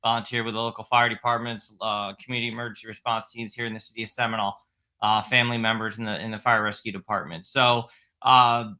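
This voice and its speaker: A middle-aged man from Florida, a podcast guest, speaking in a relaxed, halting way with many fillers. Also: lowish voice. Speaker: guest, local news page owner. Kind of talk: casual interview.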